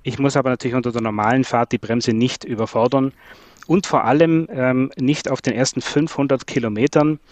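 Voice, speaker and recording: A man's voice: mid-range voice, fairly even intonation, a little fast, no echo. German man explaining brake technology. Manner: explanatory, many fillers and repeated words. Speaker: trailer brake expert guest. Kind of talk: technical podcast conversation.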